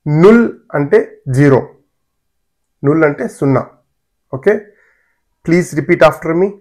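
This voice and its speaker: A man teaching a German language lesson, slowly repeating words for learners to copy. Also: on the high side, darkish tone.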